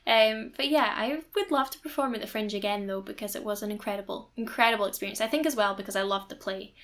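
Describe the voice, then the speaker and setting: A woman's voice: mid-range voice, quick pace, fairly bright tone. A young woman, chatting enthusiastically over a game build video as a YouTuber. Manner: chatty and enthusiastic, rambling storytelling.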